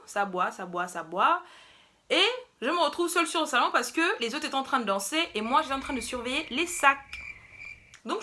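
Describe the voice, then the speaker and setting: A young woman tells a story casually, animated and playful with plenty of slang. Her voice sits high and sounds bright and forward. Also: a little hiss or hum. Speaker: vlogger.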